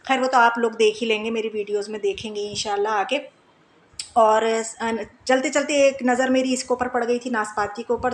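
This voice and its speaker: Chatty home-vlog woman in her thirties, easy laughter, slightly high pitch, faint noise behind. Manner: chatty, laughs often, many fillers. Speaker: home vlogger. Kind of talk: casual home vlog narration.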